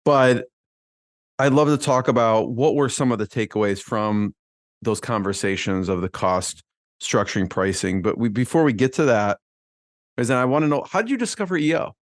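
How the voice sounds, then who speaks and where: A man's voice: mid-range voice, normal speed, no room sound, studio quality. A male podcast host asking a guest curious follow-up questions. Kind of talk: interview questions.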